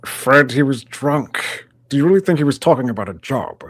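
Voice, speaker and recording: A man's voice: mid-range voice, animated, normal speed, lightly acted. A man playing a weary, disdainful actor in a radio theatre piece, speaking with withering exasperation. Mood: exasperated.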